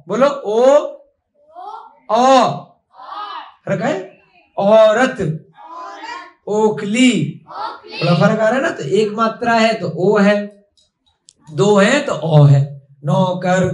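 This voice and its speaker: A man with a notably high voice teaches a class at an unhurried pace. He repeats points and keeps quizzing his students. The sound carries a strong echo from the room.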